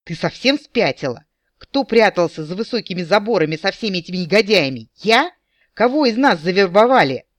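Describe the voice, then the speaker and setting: A sarcastic elf captain hurls loud, mocking accusations in a raised, fairly high voice, as the audiobook narrator plays him. The sound is dry and close to the mic. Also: male voice, expressive, fairly quick, no echo. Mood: mocking, indignant.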